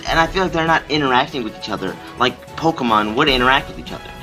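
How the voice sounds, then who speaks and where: Rambling, sarcastic young game reviewer. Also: male voice, medium pitch, rapid-fire, sharp tone, soft background music. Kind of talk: casual game review narration.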